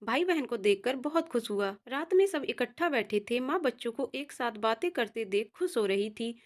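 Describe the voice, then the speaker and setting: Woman storyteller, slightly high voice. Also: expressive, normal speed. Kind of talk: scripted story narration.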